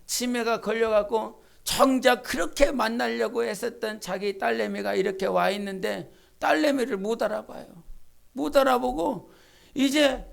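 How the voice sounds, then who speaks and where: A woman pastor preaching a Sunday sermon in a church, swinging from hushed asides to fervent, shouted pleas. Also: a little high, normal speed, gravelly. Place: church sanctuary.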